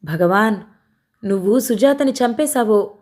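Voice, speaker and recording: A woman putting on a lively young female cousin with a teasing, scolding way of talking. The voice sits a touch higher, mellow and warm, in a storybook reading. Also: unhurried. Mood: alarmed.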